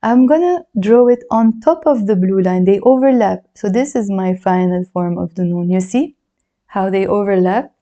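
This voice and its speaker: A woman who teaches Arabic, a native speaker with a Lebanese accent, walks her class through writing letters, demonstrating as she talks. Her mellow, soft voice sits at a middle pitch and moves at a normal speed, and she chats encouragingly while counting strokes. The recording has its high frequencies cut off.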